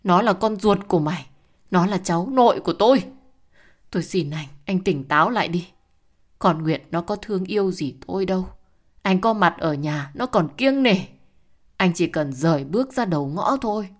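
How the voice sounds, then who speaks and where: A woman's voice: fairly low pitch, lively intonation, moderate pace. A woman voicing a remorseful old grandmother who pleads tearfully in an audio story. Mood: pleading.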